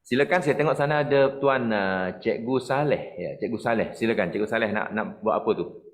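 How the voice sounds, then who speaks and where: Malaysian man teaching Quran recitation. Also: mid-range voice. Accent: Malaysian Malay, Perak. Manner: explains patiently, then demonstrates letter sounds and chants verses slowly. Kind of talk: online tajwid lesson.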